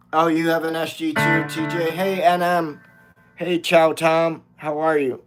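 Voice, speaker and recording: A man in his fifties live-streaming as a musician, chatting casually with viewers, greeting them by name and swearing freely. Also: a little high. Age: 50s.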